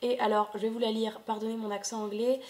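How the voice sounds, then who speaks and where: Chatty young woman, slightly high voice. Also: level tone, quick pace, a little mellow. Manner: chatty, many hesitations. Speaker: book vlogger. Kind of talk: casual video chat.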